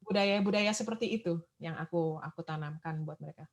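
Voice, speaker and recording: A woman's voice: lowish voice, a little fast. A woman from Indonesia, a guest in a casual chat, telling stories animatedly and acting out her children's voices.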